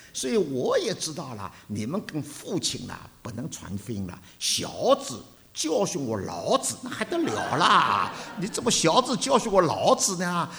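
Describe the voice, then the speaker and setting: An older male preacher gives a sermon. His pitch leaps and falls widely, and he moves from loud to hushed as he tells stories. The delivery is very lively. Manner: animated storytelling with sharp swings between loud and hushed.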